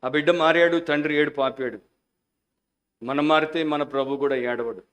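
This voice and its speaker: A man preaching a Sunday sermon as a pastor, passionate at the peaks and hushed in prayer, mixing English phrases into his Telugu. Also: a little high, fairly even intonation, normal speed. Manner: fervent preaching, shifting into quiet prayer.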